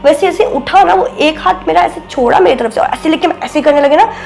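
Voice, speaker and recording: High, soft-voiced young woman telling a story. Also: brisk, vocal fry, soft background music. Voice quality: soft, babyish voice. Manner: animated, acts out quoted speech, mixes in English words. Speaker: podcast guest. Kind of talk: casual spoken storytelling.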